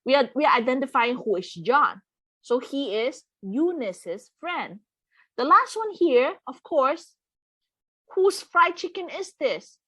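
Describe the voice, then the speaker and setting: Brief: woman language tutor on a video call, slow and patient, lively pitch, dry close sound. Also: husky, dry recording. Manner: patient, repeats words and checks with "okay?". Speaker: online Mandarin tutor. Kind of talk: live online language lesson.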